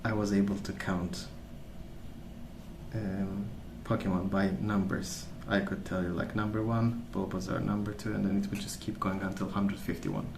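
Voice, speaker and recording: In an echoey room with noticeable background noise, a young man murmurs his way through some ASMR rambling. His lowish voice barely moves in pitch, and he sounds gentle and unhurried, like he's thinking aloud.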